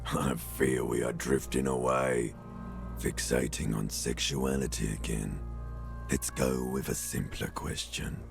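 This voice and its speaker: Gravelly talking corpse. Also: male voice, level tone, over music, heavily acted. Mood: mocking. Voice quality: deep, gravelly and slow. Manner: dry, mocking and cryptic. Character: sardonic hanged male corpse, talking dead man. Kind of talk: voiced video game dialogue.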